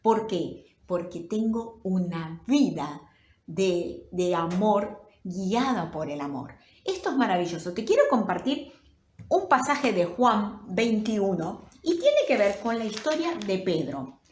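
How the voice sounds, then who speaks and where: A woman's voice: mid-range voice, very animated, takes it slowly. A woman pastor with a Rioplatense Spanish accent, preaching in a storytelling way with rhetorical questions. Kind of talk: sermon. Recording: roomy with faint noise.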